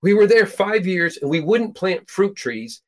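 A middle-aged man raised in Peru, hosting a show and teaching from the Bible in an emphatic way, stressing his high points. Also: very animated, unhurried. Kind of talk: scripture teaching talk.

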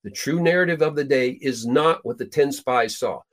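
A middle-aged man raised in Peru, hosting a show and teaching from the Bible in an emphatic way, stressing his high points. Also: normal speed. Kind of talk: scripture teaching talk.

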